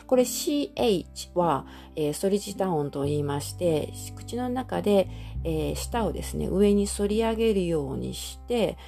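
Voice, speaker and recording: Lively, low-voiced woman teaching patiently. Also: creaky. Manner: patient, step-by-step, with many soft fillers. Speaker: Chinese language teacher. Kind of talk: explanatory audio lesson.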